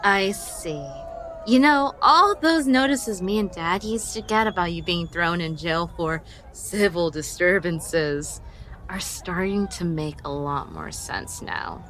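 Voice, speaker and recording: A woman voicing a sensible female magpie mage in an audio drama, dry and measured. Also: fairly low pitch, lively intonation, fairly bright tone. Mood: wry.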